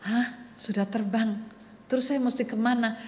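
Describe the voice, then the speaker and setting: A woman voicing a frail, lonely old grandfather who speaks softly and wearily. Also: fairly high pitch, steady tone, moderate pace, a little hiss or hum, pitched above the performer's own voice, close to an everyday voice. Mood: bewildered. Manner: soft, plaintive and weary. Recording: echoey church hall.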